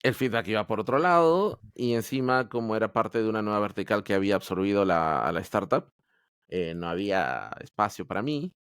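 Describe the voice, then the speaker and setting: An Android developer from Peru appears as a podcast guest, telling his story in a casual interview with candor, hesitation, and many restarts. His lowish voice is expressive, brisk, fairly bright, and clean, in a dry recording with clean studio sound.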